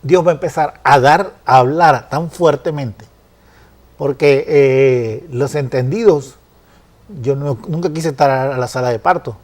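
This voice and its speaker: A man earnestly explaining Bible passages in a conversational study, often pausing with fillers and restarting phrases. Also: medium pitch, a little mellow. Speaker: Bible teacher.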